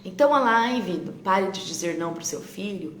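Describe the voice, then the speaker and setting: A woman's voice: mid-range voice, animated, moderate pace, a little hiss or hum. A woman with a Brazilian Portuguese accent, a teacher talking to parents on a live stream, conversational and often checking in with her listeners. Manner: conversational, keeps checking in with tag questions. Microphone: phone on a live stream. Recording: roomy echo with faint ambience.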